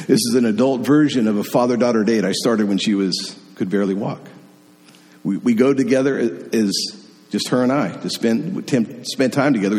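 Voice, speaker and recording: A middle-aged man preaching a sermon, telling a personal story in an animated, conversational way. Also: medium pitch. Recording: long hall reverb.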